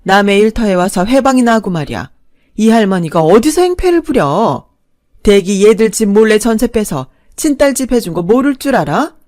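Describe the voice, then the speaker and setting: A woman's voice: medium pitch, big pitch swings, normal speed, darkish tone, no echo, studio quality, natural voice. A woman voicing a blunt middle-aged neighbor woman who rebukes sternly. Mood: scolding.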